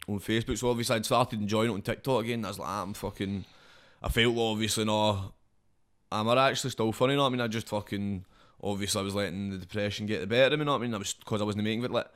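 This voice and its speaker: A Scottish man with a broad accent talks very quickly in a fairly low voice. He rambles through casual, slangy chat, swearing often and peppering it with verbal tags. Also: fairly even intonation, a bit bright. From Scotland. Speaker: podcast guest, social media comedy creator and wrestler.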